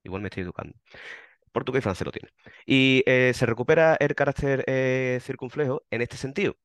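A man's voice: medium pitch, a little fast, clean tone, no echo. A man from western Andalusia with a western Andalusian accent, answering interview questions in a patient, teaching way with self-deprecating asides. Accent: western Andalusian Spanish. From western Andalusia, Spain. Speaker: interview guest, member of a volunteer group.

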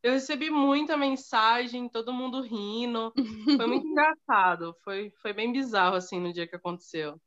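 A woman guest on a casual podcast chat, sharing relaxed anecdotes. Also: on the high side, moderate pace. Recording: dull lo-fi audio.

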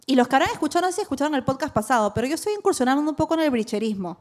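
A woman's voice: sits high, rapid-fire. A woman with a Peruvian accent co-hosting a podcast recorded live, telling stories in casual, slangy talk and acting out what people said. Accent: Peruvian Spanish. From Peru. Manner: animated, slangy, acts out quotes. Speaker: podcast co-host. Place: live recording before a small audience.

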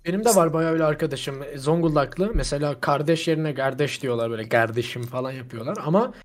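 A young man with a high voice jokes around in a casual podcast. He spins silly what-if scenarios in a playful, teasing way. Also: quick pace. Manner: playful, joking, goofy hypotheticals. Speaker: podcast co-host.

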